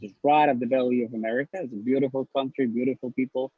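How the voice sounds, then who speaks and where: A Honduran man, newly matched as a neurology resident, gives advice as a guest in a casual video-call interview, speaking earnestly and bluntly and often repeating words. His medium-pitched voice is fast, slightly rough and fairly even in intonation. The audio is dry, slightly dull and lo-fi.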